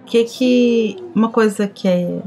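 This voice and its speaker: A woman co-hosting a book-club podcast, adding thoughtful, measured comments. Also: on the high side, warm tone. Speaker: podcast co-host. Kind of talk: casual book-club chat.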